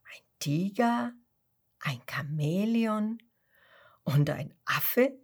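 A woman voicing a haughty, astonished blue peacock in a slow, lowered, drawn-out way. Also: animated, darkish tone, exaggerated voice.

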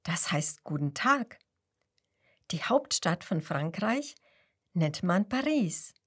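A cheerful, chatty little frog from France, eager to tell about home, as a woman reads him aloud. The voice is soft and breathy and unhurried, like a storybook telling. He sounds friendly and proud. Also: fairly low pitch, big pitch swings, heavily acted.

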